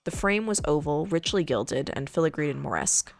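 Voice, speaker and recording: A woman podcast host reading a gothic horror story aloud in a measured, deliberate storytelling manner. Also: deep voice, animated, gravelly, no room sound, soft background music.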